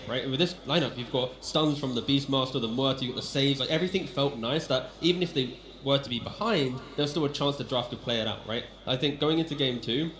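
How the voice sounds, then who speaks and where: A man's voice: medium pitch, a bit bright, echoey room. Dry-witted male panel analyst. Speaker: esports analyst. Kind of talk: casual game analysis.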